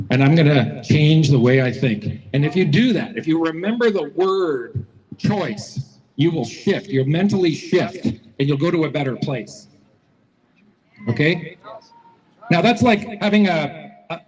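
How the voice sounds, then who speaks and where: A man's voice: on the high side, big-room sound, rough recording. A man giving a folksy, repetitive motivational speech to a crowd at an outdoor rally, telling stories as he goes. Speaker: rally speaker. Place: outdoor public square rally.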